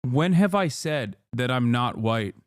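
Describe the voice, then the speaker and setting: A male streamer from Turkey talks casually and bluntly to his chat, swearing often and pushing back hard. His voice sits at an average pitch and is recorded close and dry, with no room sound. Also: lively intonation, unhurried, clear, resonant tone, dry recording. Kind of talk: casual live-stream commentary.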